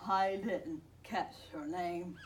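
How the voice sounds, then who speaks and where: Woman voicing a gooey sniffly lady monster, loud, polite, stretched words, storybook, distant mic. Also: lowish voice, fairly even intonation, takes it slowly. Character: sniffly slimy female mucus monster. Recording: distant mic, faint background noise.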